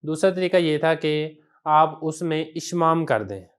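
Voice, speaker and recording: A man's voice: fairly high pitch, fairly even intonation, a little slow, clear, resonant tone. A man with a Pakistani Urdu accent teaching a grammar lesson, patiently spelling out word forms one at a time.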